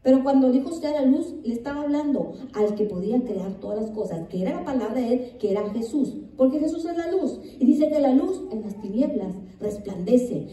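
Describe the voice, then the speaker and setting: A woman pastor delivers a sermon from some distance, her voice ringing in an echoey room. She sounds high and very mellow. She reads scripture aloud again and again and asks the listeners questions. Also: animated, a little fast, hardly any pauses.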